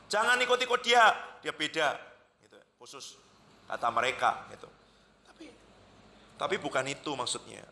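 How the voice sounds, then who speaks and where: A man's voice: mid-range voice, creaky, big-room sound, a little hiss or hum. A male pastor with a Central Javanese Indonesian accent, preaching in a chatty storytelling style and acting out quoted voices. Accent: Indonesian, Central Java. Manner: chatty, anecdotal, acts out quoted voices with lively jumps. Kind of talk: conversational sermon storytelling. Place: church worship hall.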